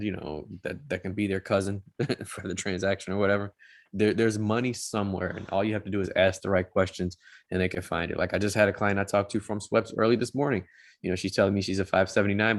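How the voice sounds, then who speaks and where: A man's voice: deep voice, no echo, clean studio sound. A man who works as a mortgage loan officer, giving blunt, folksy advice with lots of restarts in a casual panel chat.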